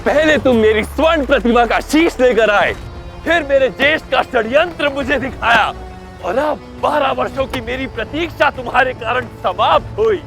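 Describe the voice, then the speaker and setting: An actor playing a cruel, gloating tyrant king in a historical drama, speaking slowly and with menace. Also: very high-pitched, lively intonation, creaky, a bit bright, full character voice. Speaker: villain king. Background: dramatic music.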